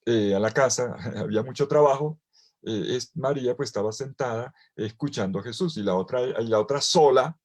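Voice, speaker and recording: A priest gives a sermon for a virtual retreat in a husky, somewhat breathy voice. He sits at a middle pitch and acts out quoted speech with rising, dramatic emphasis. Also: normal speed, darkish tone.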